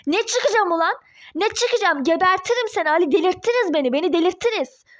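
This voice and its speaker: A woman playing a furious, very high-voiced ex-wife. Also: animated, fairly quick, slight background noise. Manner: shouting threats, cursing. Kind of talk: toy-game role-play drama.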